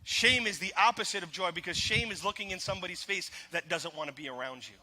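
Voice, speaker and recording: A man's voice: sits high, quick pace, sharp tone. A male pastor preaching a sermon, emphatic and repetitive, putting rhetorical questions to his congregation. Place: church sanctuary. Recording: long reverb of a large church hall.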